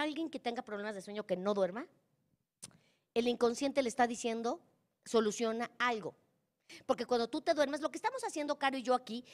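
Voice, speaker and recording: Lively Mexican woman speaking to a live audience. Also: a little high. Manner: lively, colloquial, teasing, addresses the audience directly. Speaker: conference speaker. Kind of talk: motivational talk to a live audience.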